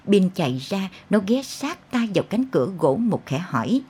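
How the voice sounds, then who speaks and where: A woman narrating a dark literary story in an intense, expressive way. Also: medium pitch, moderate pace, breathy edge. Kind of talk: dramatic audiobook narration.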